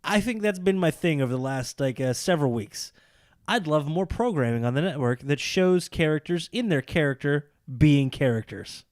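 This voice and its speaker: A man's voice: a little high, animated, normal speed, darkish tone, no room sound. Male podcast co-host, casual and sarcastic, dry close-miked sound. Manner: joking, rambling, sarcastic. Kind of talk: casual chat.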